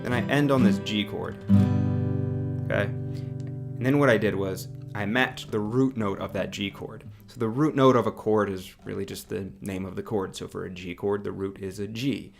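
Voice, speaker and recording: A man with a lowish, gravelly voice gives a casual singing lesson, talking things through in an easygoing way. Guitar chords ring under his words as he demonstrates on the instrument. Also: normal speed. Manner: relaxed explaining, demonstrating on guitar, hums along with notes. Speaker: music teacher.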